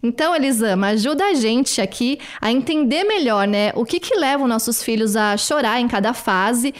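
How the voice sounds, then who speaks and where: A Brazilian woman co-host with a fairly high voice chats expressively. She shares personal stories in a casual, open way. Her Brazilian Portuguese accent is clear throughout. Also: animated, moderate pace. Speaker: talk show co-host. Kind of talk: casual chat.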